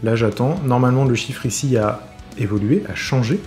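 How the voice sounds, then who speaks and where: A man's voice: medium pitch, normal speed, darkish tone. Chatty man explaining a guitar tutorial. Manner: chatty, many fillers and self-corrections. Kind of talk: casual screen-recorded tutorial.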